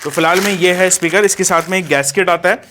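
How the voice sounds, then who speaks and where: A man's voice: sits high, steady tone, fast, sharp tone, a little hiss or hum. A man casually reviewing and unboxing a speaker, talking to viewers as friends and using plenty of fillers. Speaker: DJ equipment vlogger.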